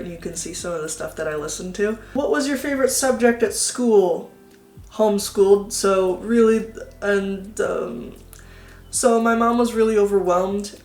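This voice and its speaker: An American woman gives a casual question-and-answer chat. Her mid-pitched voice wanders candidly from thought to thought. The sound is roomy, with clear echo around her words. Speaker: YouTube creator answering viewer questions.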